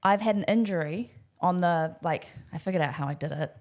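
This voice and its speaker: A woman's voice: on the low side, fairly quick. A young woman with a New Zealand accent hosting a podcast, chatty and emphatic, swearing casually. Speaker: podcast host. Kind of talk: casual chat.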